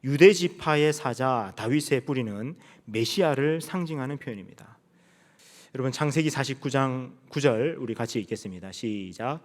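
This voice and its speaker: A male pastor preaching a sermon to a congregation, building to emphatic rhetorical questions and then dropping low, with slow solemn passages of scripture reading. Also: long reverb tail. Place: church sanctuary.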